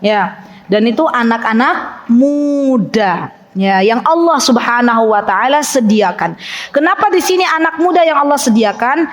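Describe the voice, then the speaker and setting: Woman religious teacher, slightly high voice, lively and playful with women listeners. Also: muffled recording. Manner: lively, playful, acts out little scenes. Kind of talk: religious study talk to women. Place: study gathering with women.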